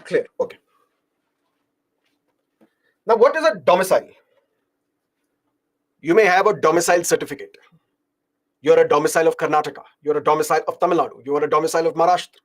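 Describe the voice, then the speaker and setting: Male lecturer, higher pitch, explains by repetition, quizzes the class. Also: fast, long pauses. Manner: explains by repeating examples, asks the class questions. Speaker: polity teacher. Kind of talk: exam-prep lecture.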